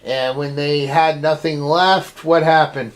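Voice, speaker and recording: A woman with a strikingly low voice recaps a film plot in easy, casual chat. She keeps asking her co-host what happens next. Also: fairly even intonation, unhurried. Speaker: co-reviewer. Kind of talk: casual movie review chat.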